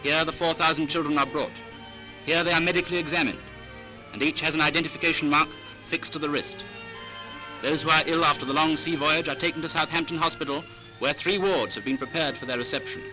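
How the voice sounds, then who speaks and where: A man's voice: on the high side, low-quality recording. A man narrating an old newsreel in a dramatic, declaiming commentary style. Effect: old newsreel soundtrack with music. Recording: old newsreel sound with music behind.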